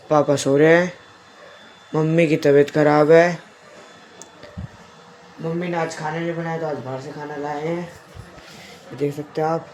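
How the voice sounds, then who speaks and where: A teenage boy narrates a home vlog earnestly, pointing things out to the camera. His voice is fairly high, with faint dishes and pots clattering behind him. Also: a little hiss or hum, low-quality recording. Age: teens. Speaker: teenage son in family vlog.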